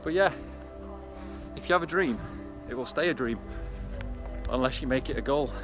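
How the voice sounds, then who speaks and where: A man's voice: medium pitch, normal speed, over music. A man chatting casually to viewers as he runs outdoors, in a conversational, encouraging vlog style. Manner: conversational, talking while out on a run. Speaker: running vlogger. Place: outdoors on a hillside trail by reservoirs.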